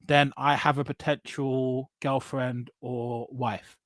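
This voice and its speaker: An English podcast guest with an English accent casually tells personal stories, blunt and emphatic, repeating phrases and checking in with "right?" His mid-range voice is fairly bright, level, and slow, with no room sound.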